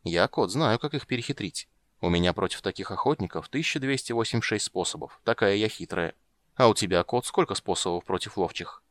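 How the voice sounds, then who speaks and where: A man's voice: on the low side, brisk, close to an everyday voice. A man reading an audiobook, voicing a sly, boastful fox in a bedtime tale, in a knowing storyteller's tone.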